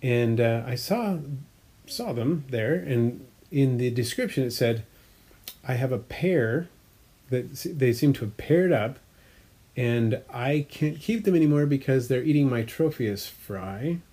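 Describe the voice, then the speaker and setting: Guy rambling casually about his fish tanks, fillers and self-corrections, mellow dark voice. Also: mid-range voice, animated, unhurried, breathy edge. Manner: explanatory, hobbyist detail. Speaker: aquarium hobbyist vlogger. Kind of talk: casual chat.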